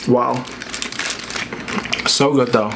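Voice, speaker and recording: In a casual mukbang vlog, a man with a medium-pitched, steady voice draws out his words as he chews and talks with his mouth full, using "like" frequently and speaking candidly. Dish clinks, clicks, and clear background noise fill the recording.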